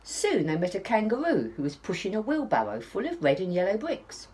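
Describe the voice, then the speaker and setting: Husky, expressive woman reading to young children. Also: mid-range voice, a little fast. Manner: dramatic, with hushed asides. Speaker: early years storyteller.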